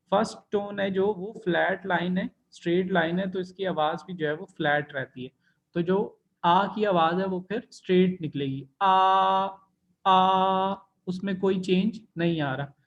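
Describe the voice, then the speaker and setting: A man's voice: high voice, highs cut off. A man teaching an online language class, explaining patiently step by step and drawing out sounds to demonstrate tones. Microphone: computer mic in video call.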